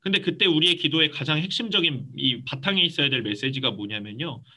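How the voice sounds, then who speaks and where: A man preaching a youth sermon in a church, lively and acting out quoted voices. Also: fairly high pitch, a little fast. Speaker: youth pastor.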